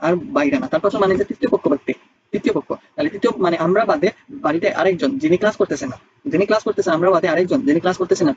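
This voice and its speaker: Man, teacher, rambling grammar lesson, rapid, dull lo-fi recording. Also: sits high, a little mellow. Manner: rambling, repeats himself, checks in with "okay?". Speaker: English teacher. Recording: dull lo-fi sound with faint noise.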